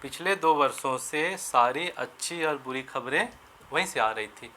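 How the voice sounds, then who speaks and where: Man, English teacher, Hindi-medium grammar lesson, sharp bright tone, asks and answers his own questions. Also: medium pitch, expressive, slight background noise. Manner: explains step by step, slowing to spell out English phrases.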